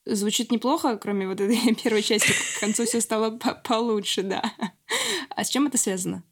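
A woman hosting an interview, introducing guests and asking measured, explanatory questions. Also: mid-range voice, fairly even intonation. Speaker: podcast host.

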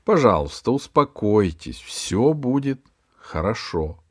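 Man doing a composed woman leader, firm, gentle reassurance, slightly raised voice, storybook. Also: mid-range voice, measured pace, pitched above the performer's own voice, natural voice. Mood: reassuring. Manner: commanding yet soothing. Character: firm, calm woman leading the group.

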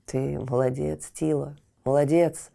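A woman's voice: low-pitched, fairly even intonation, measured pace, gravelly, mellow, heavily acted. A woman voicing a curious, determined young boy in a children's audio fairy tale. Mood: resolute. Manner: eager and questioning, resolute.

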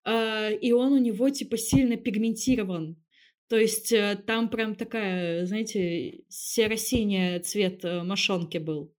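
A woman's voice: medium pitch, steady tone, measured pace, darkish tone. Woman co-host with a w-like burred r. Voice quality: says w-like sound for r (burred r). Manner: frank, crude, swears freely. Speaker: podcast co-host. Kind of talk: casual comedic chat.

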